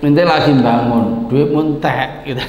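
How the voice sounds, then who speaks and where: A man's voice: medium pitch, steady tone, measured pace, a little mellow, slight background noise. A man with a Javanese accent giving a religious lecture in a storytelling way. He laughs often and acts out the people in his stories. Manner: storytelling, mixes Javanese and Arabic, laughs often, voices characters. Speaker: Islamic teacher. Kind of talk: religious lecture on a classical poem. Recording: echoey room with long reverb.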